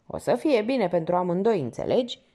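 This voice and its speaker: A woman doing a calm probing lieutenant. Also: on the low side. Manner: measured, questioning.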